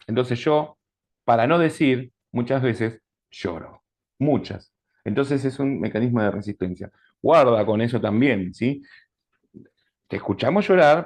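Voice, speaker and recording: A man's voice: medium pitch, a little mellow. A man with an Argentine accent teaching a class in a conversational lecture, often checking that students follow. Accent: Rioplatense Spanish. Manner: conversational, asks the class frequent check questions.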